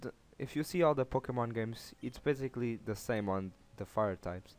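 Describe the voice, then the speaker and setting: A man's voice: medium pitch, moderate pace, darkish tone. Laid-back young man giving short replies. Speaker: co-host. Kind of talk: casual gameplay chat.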